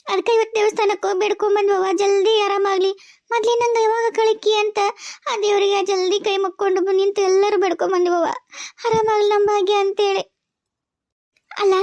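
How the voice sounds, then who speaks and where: Very high-pitched North Karnataka woman. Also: a little mellow. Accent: North Karnataka Kannada. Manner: tearful, pleading family drama delivery. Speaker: cartoon storyteller voicing all characters. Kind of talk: emotional cartoon voice acting.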